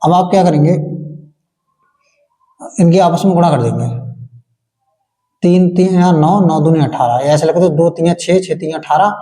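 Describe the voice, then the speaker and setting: A man's voice: on the high side, normal speed, pauses often, mellow. A male maths teacher working board-exam problems step by step, asking questions and answering them himself. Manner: asks the class questions and answers them himself, chanting times tables. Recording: long hall reverb.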